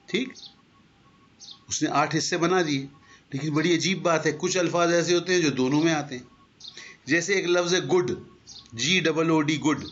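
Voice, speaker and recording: A man lectures to a class, walking through his points patiently and posing questions to his listeners. His voice sits a little high, and the recording is dull and lo-fi. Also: long pauses, a bit bright. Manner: explanatory, asks rhetorical questions. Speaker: teacher.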